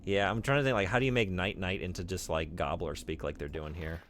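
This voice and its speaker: A man's voice: low voice, lively intonation, fast, a bit bright, a little hiss or hum. A man streaming a video game, chatting casually and joking with his chat. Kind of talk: casual chat while playing.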